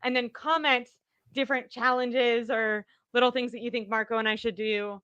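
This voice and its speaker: Bright, upbeat woman chatting about football. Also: fairly high pitch, fairly even intonation, moderate pace, clear, resonant tone, no room sound, dull audio. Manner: chatty, upbeat, self-deprecating. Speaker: co-host. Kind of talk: casual sports chat.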